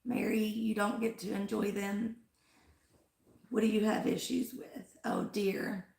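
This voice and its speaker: A woman's darkish, medium-pitched voice carries vocal fry and fairly even intonation as she speaks unhurriedly. She's losing her voice after an illness while hosting a casual flower-farm livestream, rambling with lots of "like" and "um" in an echoey room.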